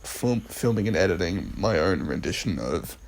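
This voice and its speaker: A man's voice: sits low, big pitch swings, normal speed, vocal fry. A young man co-hosting a casual podcast, rambling with lots of "like" and "um". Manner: rambling, full of "like" and "um". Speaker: podcast co-host.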